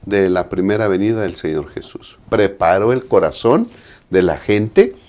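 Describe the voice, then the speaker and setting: A pastor with a Mexican Spanish accent discusses the Sabbath school lesson in a preaching manner, frequently adding tag questions. His voice is low, animated, and darkish in tone, and he speaks unhurriedly.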